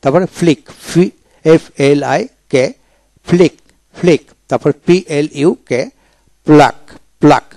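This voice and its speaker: A man's voice: a little high, darkish tone, dry recording. A man teaching English pronunciation, spelling each word out letter by letter and repeating it. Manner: slow, drilling each word twice.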